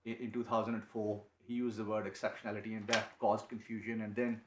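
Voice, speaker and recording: Halting barrister in an echoey courtroom. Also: male voice, on the low side, flat delivery. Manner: halting, many restarts and repeated words. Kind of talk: courtroom legal submission. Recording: echoey courtroom, faint noise.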